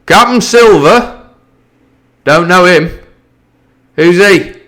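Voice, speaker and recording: A man's voice: on the high side, normal speed, fairly bright tone, voice pushed up, close to an everyday voice. Man doing a stern, clipped ship's captain. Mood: challenging. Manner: clipped and commanding. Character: stern, cold middle-aged ship's captain.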